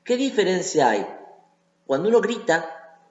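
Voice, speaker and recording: A man's voice: high-pitched, very animated, unhurried, darkish tone. A man with a Rioplatense Spanish accent teaching a voice lesson, explaining step by step and often checking in with the listener. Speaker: singing teacher. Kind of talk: online voice lesson. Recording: echoey lo-fi room recording.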